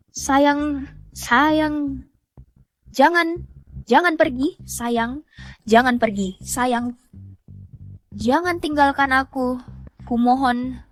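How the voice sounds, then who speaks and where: A woman dubbing a desperate, jealous ex-wife who begs and threatens in a shrill voice. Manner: shrill, begging, then threatening. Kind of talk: Indonesian drama dub.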